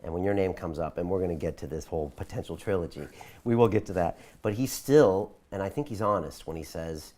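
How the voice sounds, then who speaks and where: A man in his forties hosts an interview in a very deep, low voice. He leads the conversation with steady follow-up questions. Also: a little fast, few pauses. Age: 40s. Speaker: interview host.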